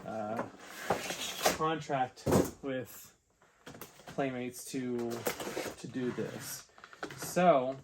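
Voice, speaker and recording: A man's voice: mid-range voice, drawn-out words, long pauses, background noise. A man reviewing toy figures in a casual unboxing chat, wry and exasperated.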